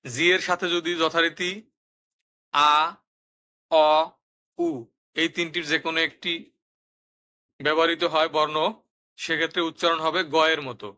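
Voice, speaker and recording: A man narrating a step-by-step language lesson, explaining pronunciation rules and repeating each example word twice, slowly and clearly. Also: on the high side, little pitch movement, bright, forceful tone. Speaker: language teacher.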